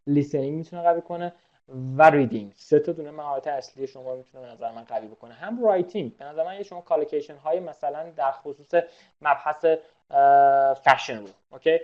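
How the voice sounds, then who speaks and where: A man's voice: a little high, muffled recording. A man teaching an IELTS webinar in a chatty, casual lecture style, full of fillers and English terms.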